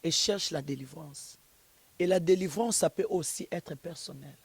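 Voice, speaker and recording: A woman's voice: sits low, normal speed, a little mellow, husky, no echo. A woman pastor being interviewed, preaching and telling stories with emphasis. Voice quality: emphatic, storytelling.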